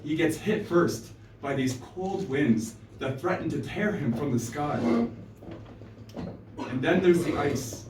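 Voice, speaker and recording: A man telling a myth aloud at a live storytelling night, with dramatic pauses and an expressive delivery. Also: a little high, noisy background. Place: small live venue stage. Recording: roomy live stage, distant mic.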